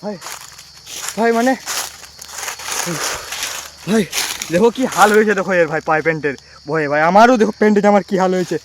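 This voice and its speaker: A young man narrating an outdoor forest vlog, excitable and constantly calling out "bhai". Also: sits high, fairly quick, long pauses, noisy background. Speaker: vlogger. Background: music.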